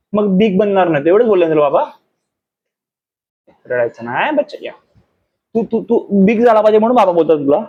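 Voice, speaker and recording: A man at home, coaxing his small child to come and sleep in a soft, repetitive voice. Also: sits high, narrow, tinny audio. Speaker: father.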